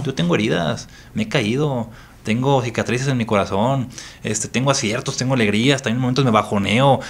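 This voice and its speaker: Mexican priest guest, earnest and reflective, gravelly voice, repeats for emphasis. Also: male voice, medium pitch. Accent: Mexican Spanish. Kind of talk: reflective interview talk.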